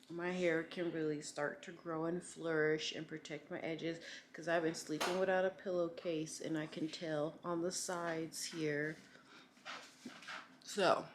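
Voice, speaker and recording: A woman's voice: on the low side, slight background noise. A woman chatting casually and upbeat to her viewers in a home vlog, filmed on a phone camera. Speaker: vlogger.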